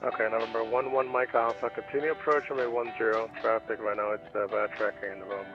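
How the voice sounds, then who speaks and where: A man's voice: medium pitch, flat delivery, quick pace. A man working as an air traffic controller, giving clipped instructions in standard phraseology through a radio filter. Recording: muffled radio audio with music behind.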